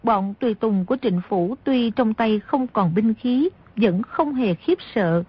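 A woman reading a martial-arts novel aloud as an audiobook narrator, in a steady, measured way. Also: fairly high pitch, slightly rough. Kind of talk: scripted storybook narration. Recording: dry, dull lo-fi audio.

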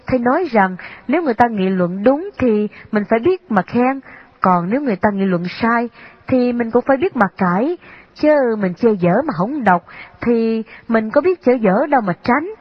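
A woman narrating a storybook in an even, unhurried reading manner. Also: on the high side, breathy edge, no echo. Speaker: audiobook narrator. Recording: slightly dull, dry lo-fi recording.

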